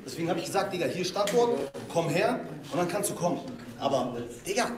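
A man's voice: a little high, very animated, fairly quick, crowd noise. A young man live-streaming outdoors, talking restlessly and repeating himself in slangy street talk. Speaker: streamer waiting for a fight. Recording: echoey, from a distance, noisy.

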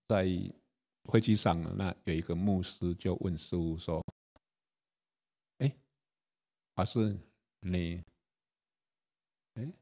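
Man, Buddhist monk, dharma talk, anecdotes, chatty, laughs, low-pitched, husky. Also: a little mellow. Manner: chatty, laughs, asks the audience if they follow.

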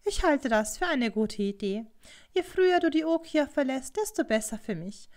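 A woman's voice: expressive, moderate pace, darkish tone. A woman voicing a proud, cruel young geisha in an audiobook reading, pleading one moment and cutting the next. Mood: cold. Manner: pleading and shrill, then cutting and scornful.

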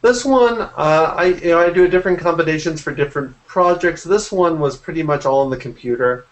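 Speaking fairly quickly in a fairly high voice, this forty-something graphic artist gives a relaxed account of his work in an interview. He's on a video call from home using his computer's microphone, and the audio quality is poor.

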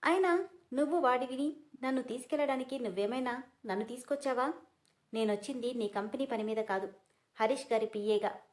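A woman's voice: a little high, brisk, close to an everyday voice. A woman reading as a defiant, hurt young woman. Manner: defiant, tearful.

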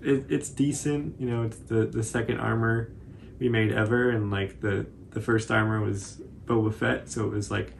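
A cosplay channel host in his 20s chats casually and modestly through a tutorial from a couch in a small indoor room. His voice is lowish with vocal fry, his intonation fairly even and his pace normal, with faint background noise in the recording.

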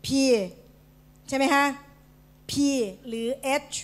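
A woman's voice: drawn-out words, a bit bright. A woman from Thailand teaching English in a school meeting hall, calling out words one at a time for the class to repeat. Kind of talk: classroom pronunciation drill.

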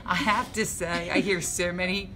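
A woman's voice: lowish voice, fairly even intonation, normal speed, a crowd in the background. An older woman working as a nurse, chatting casually with a patient in a reassuring, joking way. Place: small indoor surgical recovery room. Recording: noisy phone video in recovery room.

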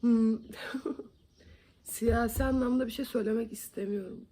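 A young beauty vlogger from Van, Turkey, chats and jokes with viewers while doing her makeup indoors at home in a casual vlog. Her voice is fairly high and warm, with fairly even intonation and a slightly slow pace. She comes across as chatty and self-mocking.

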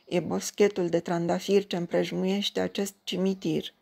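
A woman's voice: lowish voice, level tone, gravelly, mellow. A woman reading a fairy tale aloud, voicing a cruel young lord who gives stern, commanding orders. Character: cruel young lord bent on killing his wife.

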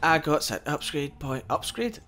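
A man's voice: fairly high pitch, big pitch swings, normal speed, a bit bright, a little hiss or hum. A man chatting casually during a co-op game, laughing often and swearing as he teases his friends. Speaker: gameplay streamer. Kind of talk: casual co-op gaming chat.

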